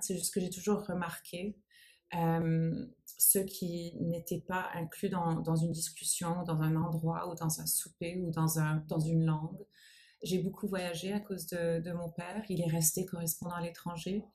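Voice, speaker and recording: Her voice is warm and on the low side. As an interview guest, this nonprofit founder in her forties, whose first language is English, speaks French with an English accent, answering thoughtfully and searching for the right words.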